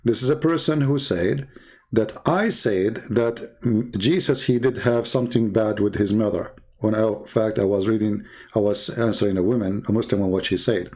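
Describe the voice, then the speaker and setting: A man's voice: normal speed, darkish tone. Scornful man. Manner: mocking, scornful, swings between low mutters and high exclaims. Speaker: online debater. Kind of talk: heated ranting monologue.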